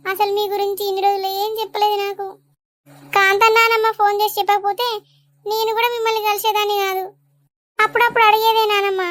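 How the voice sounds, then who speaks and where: A woman voicing a sweet, teary young village granddaughter in an animated comedy, talking in a pleading, childlike way. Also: very high-pitched, no room sound.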